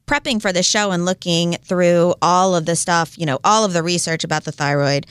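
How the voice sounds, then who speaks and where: A woman's voice: fairly low pitch, steady tone, brisk, a bit bright, clear, resonant tone, dry recording. A woman co-hosting a health talk show, agreeable and explanatory in a casual way.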